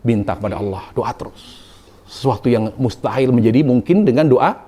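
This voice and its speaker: A man's voice: mid-range voice, expressive, moderate pace, dark tone. A man preaching a casual sermon to a women's study group, chatty and humorous, with colloquial asides and repeated points for emphasis. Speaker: Islamic preacher.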